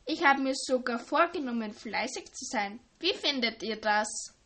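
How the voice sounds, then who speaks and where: Woman doing teasing prankster schoolgirl, mock-serious, high voice, storybook. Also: lively intonation, moderate pace, sharp tone, heavily acted. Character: playful teenage schoolgirl prankster.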